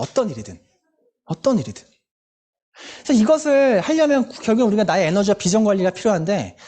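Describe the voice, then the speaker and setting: A woman's voice: medium pitch, dark tone. A woman leading a motivational group meeting, emphatic and fond of repeated rhetorical questions, candid about her own past struggles. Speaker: sales team leader.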